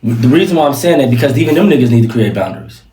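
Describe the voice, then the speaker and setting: A man's voice: medium pitch, animated, racing, warm tone, roomy sound, soft background music. A man from Chicago co-hosting a podcast, talking in casual, playful banter and jumping in over the others. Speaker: podcast co-host.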